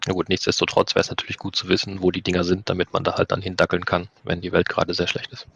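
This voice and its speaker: A man's voice: deep voice, monotone, fast, gravelly, a bit bright, husky. A young man on a headset moderating an online conference Q&A, asking plain, brief questions.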